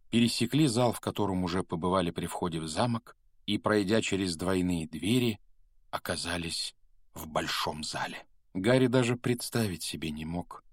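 A male narrator reads a fantasy audiobook in a measured storytelling manner. His voice sits very low. The recording is dry and close, with no room sound. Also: dry recording. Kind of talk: scripted narration.

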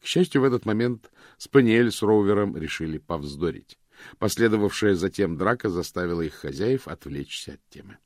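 Low-voiced male audiobook narrator. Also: expressive, normal speed, darkish tone, dry recording, clean studio sound. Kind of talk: scripted narration.

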